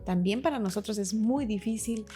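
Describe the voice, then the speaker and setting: A woman's voice: mid-range voice, moderate pace, mellow, faint music behind. A woman with a Guatemalan Spanish accent hosting a podcast, asking guests reflective questions. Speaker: podcast host. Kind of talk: podcast interview.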